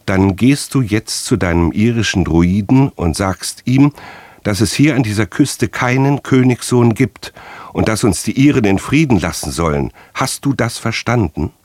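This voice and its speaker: A man's voice: on the low side, animated, moderate pace, darkish tone, dry recording, pitched above the performer's own voice. A hard, cutting interrogator, voiced by a man narrating a radio story, fires questions in a raised, pressing voice. The recording is close and dry, with no room around it. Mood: threatening. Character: stern male teacher interrogating harshly.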